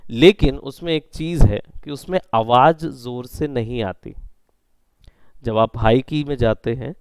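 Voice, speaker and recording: A male instructor giving a classroom lecture in a mid-pitched, crisp voice. His explanations are patient and he often checks that the class follows, with no room echo on the recording. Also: a little slow, darkish tone. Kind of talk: classroom lecture on sound editing.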